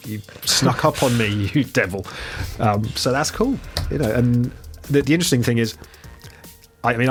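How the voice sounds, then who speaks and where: Man, podcast guest, thoughtful, halting, slightly low voice, faint music behind. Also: fairly bright tone. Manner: thoughtful, hesitant, with many fillers and restarts. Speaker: guest game designer. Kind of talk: casual podcast chat.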